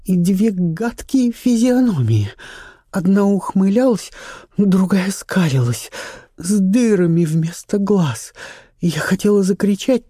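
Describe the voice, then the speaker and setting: A frightened young actress, breathless and trembling, her voice climbing high and thin, as a male narrator puts her on. The speech is dry and close, with a dark undertone, and it stays stubborn beneath the fear. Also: husky, no room sound, full character voice. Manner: trembling, breathless, half-whispered. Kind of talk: audiobook character reading.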